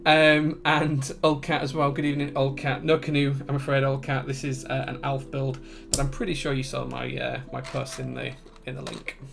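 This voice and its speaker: A man with a broad Yorkshire accent chatting casually as he hosts a livestream, relaxed and conversational. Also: mid-range voice, normal speed, vocal fry, few pauses. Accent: broad Yorkshire English. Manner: relaxed, conversational, reading out chat comments. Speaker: livestream host and keyboard builder.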